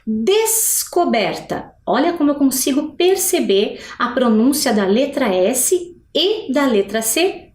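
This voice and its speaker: Woman teacher, bright and animated pitch, slow careful word drills, roomy echo. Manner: slow, drawn-out pronunciation of example words; asks questions to the viewers, frequent "né?". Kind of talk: recorded video lesson for adult learners. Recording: echoey room.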